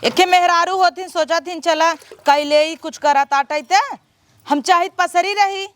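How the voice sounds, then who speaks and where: An actress with an Awadhi accent playing a grumbling elder sister-in-law in a village comedy skit, scolding and gossiping. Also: female voice, extremely high pitch, steady tone, a little slow. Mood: complaining. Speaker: comic actress.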